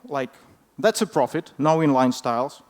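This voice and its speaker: A man who is a non-native English speaker gives an informal technical talk in a hesitant, halting way, often filling his pauses. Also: mid-range voice. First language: not English. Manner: hesitant, halting delivery with frequent fillers. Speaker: conference speaker.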